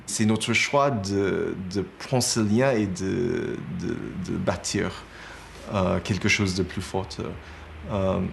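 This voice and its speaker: Man, gravelly, fairly low, reflective interview answers, faint hiss. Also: takes it slowly. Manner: thoughtful, searching for words. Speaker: parent interviewed in a documentary.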